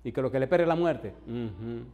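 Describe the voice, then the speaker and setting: This male pastor talks fast, with a warm, expressive, mid-range voice. Before a church hall audience he preaches through a long story, performing the characters' lines himself.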